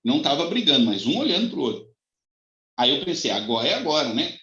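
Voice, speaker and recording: A man preaching as a pastor, telling a personal testimony with dramatic swings between high cries and soft low passages. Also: very animated, quick pace. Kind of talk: sermon testimony. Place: church. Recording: echoey, dull lo-fi church recording.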